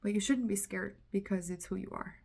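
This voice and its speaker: A woman gives a casual spiritual channeling talk as a tarot reader and coach. She speaks candidly and earnestly, drops the odd swear word and acts out inner voices with animation. Her pitch sits in the middle range for a woman. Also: a little fast, creaky, darkish tone, slightly rough.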